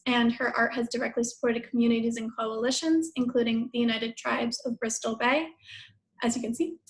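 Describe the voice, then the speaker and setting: A woman hosting a video-call webinar, her voice fairly high and gravelly. She reads an artist's introduction in a flat, even tone. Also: low-quality recording. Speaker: webinar host. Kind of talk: introducing a speaker.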